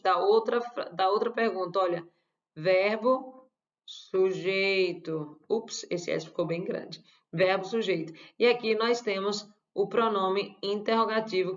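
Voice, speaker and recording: A woman with a Brazilian Portuguese accent teaches a grammar lesson from slides, talking deliberately, repeating key phrases and adding playful asides. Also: mid-range voice. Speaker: language teacher. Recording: dull lo-fi recording.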